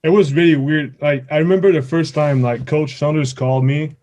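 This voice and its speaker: A man's voice: on the high side, fairly even intonation, a little fast, darkish tone. A man in his twenties from Quebec, a native French speaker with a Quebec French accent, answering interview questions in a casual, rambling, informal way. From Quebec, Canada. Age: 20s. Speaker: college baseball player, podcast guest.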